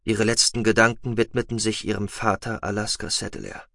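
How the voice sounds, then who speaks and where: Male sci-fi narrator, low and measured, dry studio read. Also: steady tone, gravelly, bright, forceful tone, dry recording. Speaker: audiobook narrator. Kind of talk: scripted science-fiction narration.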